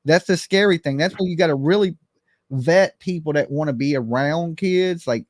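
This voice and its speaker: A man's voice: on the high side, normal speed, no room sound, studio quality. A middle-aged man hosting a call-in show, giving casual commentary in plain, colloquial speech. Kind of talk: casual live commentary and chat.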